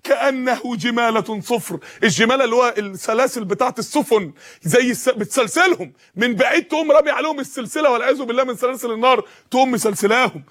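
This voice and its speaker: A man's voice: very high voice, racing, a bit bright. A man preaching a sermon with an Egyptian Arabic accent, impassioned and full of rhetorical questions.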